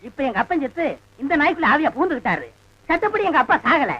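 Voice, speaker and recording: An actor playing a gloomy brother-in-law who speaks in a plaintive, mock-tragic way. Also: male voice, very high-pitched, sing-song, fast talker, bright, forceful tone, heavily acted. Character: big gloomy brother-in-law with a dog obsession. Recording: dull lo-fi film soundtrack.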